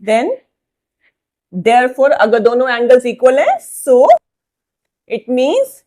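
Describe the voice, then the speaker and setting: A woman as a patient maths teacher, fairly high voice, unhurried proof dictation with frequent checks on students. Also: big pitch swings, darkish tone. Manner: slow, dictating proof steps word by word, often checking "ठीक है?". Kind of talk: Hindi-English maths lesson at a whiteboard.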